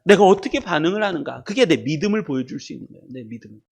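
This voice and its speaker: A man's voice: on the high side, animated, racing, gravelly. A man preaching a Sunday sermon as pastor, asking the congregation questions and leading a call-and-response. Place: church sanctuary.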